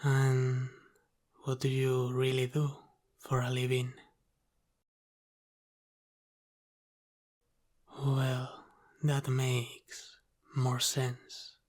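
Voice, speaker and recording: Playing an Italian-American mafia boss who is both protective and teasing, a man speaks softly and deliberately in an intimate ASMR roleplay, slipping into whispers. His medium pitch is delivered completely flat, in a teasing, probing mood.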